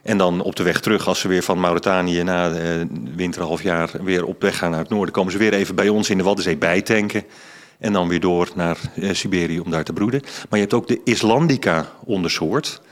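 Brisk and steady, his voice sits low as the middle-aged author and science journalist explains himself in a casual interview. Frequent ums and restarts break up his speech.

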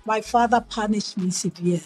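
A woman's voice: medium pitch, fairly quick, darkish tone, faint music behind, low-quality recording. A middle-aged woman from Ghana, interviewed as a guest, telling stories about her upbringing in a reflective, earnest way with frequent restarts over a remote call. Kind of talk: conversational storytelling.

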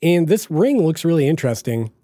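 A man's voice: on the high side, very animated, a little fast, warm tone, dry recording, studio quality. A man with a Boston accent hosting a podcast, talking in a casual, rambling way with lots of fillers and restarts. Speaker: podcast host. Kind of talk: casual solo podcast talk.

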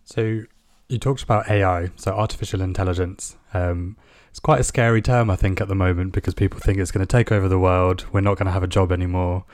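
A man's voice: sits low, steady tone, fast talker, darkish tone, no echo, clean studio sound. A man co-hosting a podcast, asking the guest questions conversationally. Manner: conversational, explains for listeners. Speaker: podcast co-host. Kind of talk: podcast interviewing.

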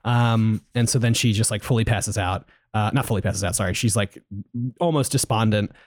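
A man's voice: on the low side, moderate pace, no room sound, clean studio sound. A man co-hosting a podcast, casually recapping a video game in a rambling, self-correcting way with frequent laughs. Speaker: podcast co-host.

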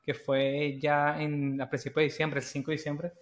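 A man co-hosting a casual chat, halting and repeating words as he goes. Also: on the high side, level tone.

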